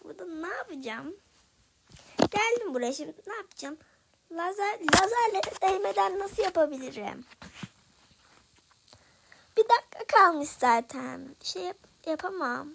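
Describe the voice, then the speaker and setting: Young female gaming creator, high voice, frustrated chatter to viewers, faint noise behind. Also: animated, a little slow, creaky, pauses often, fairly bright tone. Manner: frustrated, talks to viewers while playing. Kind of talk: casual gameplay commentary.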